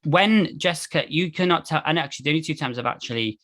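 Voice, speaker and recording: A man's voice: a little high, fast, a bit bright. A man, co-hosting a podcast and chatting animatedly about a television series. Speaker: podcast co-host. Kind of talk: casual chat.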